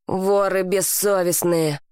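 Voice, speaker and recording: A woman doing a grumpy shrill oysterman. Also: fairly even intonation, slow, darkish tone, clear, resonant tone, dry recording, studio quality. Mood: grumbling. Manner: snappish, shrieking.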